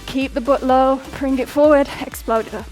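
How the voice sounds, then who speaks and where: A woman's voice: sits high, fairly even intonation, moderate pace, darkish tone. A young woman instructing a workout over music in an upbeat coaching manner, counting down reps and sometimes out of breath. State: out of breath at times. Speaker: fitness instructor.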